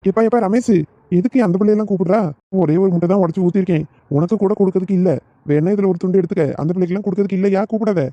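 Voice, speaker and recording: A man's voice: sits high, racing, dark tone, dry recording, natural voice. A man voicing a sheepish village husband who secretly eats eggs, in a cartoon. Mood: pleading. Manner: sheepish, pleading. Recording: dull lo-fi recording.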